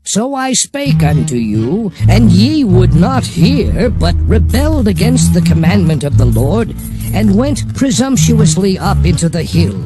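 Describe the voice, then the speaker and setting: A man's voice: sits high, sing-song, a little slow, loud music behind the voice. A man playing a solemn prophet who recounts God's commands in a dramatized scripture reading, with emphatic oratory. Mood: grave, commanding. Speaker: Bible narrator.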